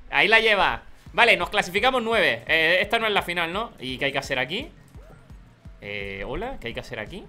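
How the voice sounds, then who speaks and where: A young man with a Canary Islands Spanish accent, commentating his own gameplay live, swinging from calm muttering to loud shouting. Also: high voice, brisk, faint music behind. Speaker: gaming streamer.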